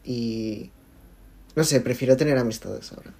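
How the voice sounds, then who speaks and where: A young man being interviewed in casual conversation, talking haltingly with many fillers and restarts. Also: mid-range voice, warm tone, a little hiss or hum. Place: lives in Barcelona.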